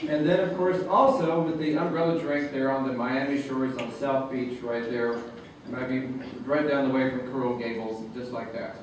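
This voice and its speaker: A man's voice: medium pitch, little pitch movement, normal speed, hardly any pauses. A man giving a joking speech at a reception, chuckling at his own lines. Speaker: speaker at a reception. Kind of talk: humorous speech to a room. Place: reception room. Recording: roomy, distant, noisy room recording.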